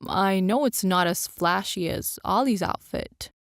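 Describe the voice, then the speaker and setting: A woman's voice: mid-range voice, a little slow, gravelly, dry recording, clean studio sound. Woman putting on a stammering, awkward young male suitor. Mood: sheepish. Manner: nervous stammer, mumbling, hesitant.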